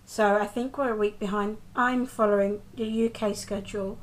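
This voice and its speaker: The recording is poor, with a little hiss or hum, as a young woman from the United Kingdom chats into a close-held handheld camera. She gives a rambling, casual TV episode review at normal speed in a steady, medium-pitched voice, peppered with ums and restarts.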